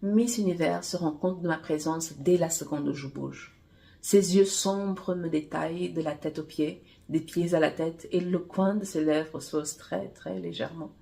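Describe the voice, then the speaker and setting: A woman author reading her own romance novel aloud in steady first-person narration. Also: low-pitched, unhurried, gravelly.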